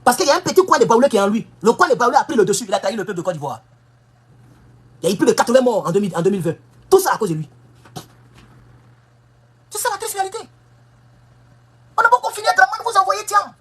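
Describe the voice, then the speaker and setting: Fast, husky woman ranting. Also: on the high side, sing-song. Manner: emphatic and scolding, with rhetorical questions. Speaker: political commentator. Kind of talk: impassioned political monologue. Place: United States.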